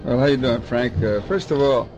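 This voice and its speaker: Older male baseball scout from the Dominican Republic, gravelly voice, rambling interview answers. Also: medium pitch, fairly even intonation, normal speed, highs cut off, over music. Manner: rambling, repeats words and restarts often. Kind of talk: oral history interview.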